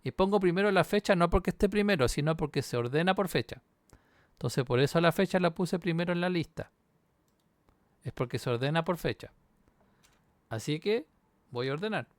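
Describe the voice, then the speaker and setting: Gravelly man explaining code step by step. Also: fairly high pitch, no echo. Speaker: university instructor. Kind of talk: screen-recorded coding walkthrough.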